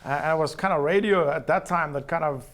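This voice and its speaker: A man's voice: fairly high pitch, quick pace, fairly bright tone. A man hosting a talk show, asking his guest questions and sharing his own stories in a casual, relating way. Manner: friendly, relating, asks questions. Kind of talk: casual interview chat.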